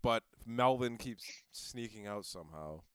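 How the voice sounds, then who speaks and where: A man's voice: fairly low pitch, expressive, a little slow, fairly bright tone, clear, resonant tone. A man casually co-hosting a podcast, rambling and teasing with plenty of swearing. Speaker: podcast co-host. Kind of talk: casual chat.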